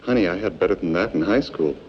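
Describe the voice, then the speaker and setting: A man's voice: sits low, fast talker, slight background noise, natural voice. An actor playing a defiant, wisecracking male captive who talks sarcastically, in 1960s film acting. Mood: mocking. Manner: sarcastic and mocking. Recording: dull old film soundtrack with music.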